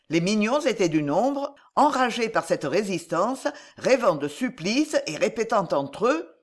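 Expressive French audiobook narrator. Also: medium pitch. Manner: expressive, dramatic reading. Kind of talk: dramatic literary narration.

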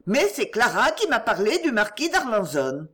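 A woman voicing an earnest, loving fifteen-year-old girl in a read-aloud novel, her pitch lifted and pleading. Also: sing-song, normal speed, a bit bright, breathy edge, exaggerated voice.

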